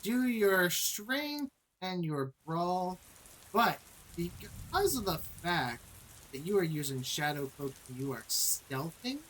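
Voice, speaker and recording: A man's voice: high voice, very animated, fairly bright tone, slight background noise, poor audio. Man running a vampire tabletop game. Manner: measured, calls for rolls and narrates combat results. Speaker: game master.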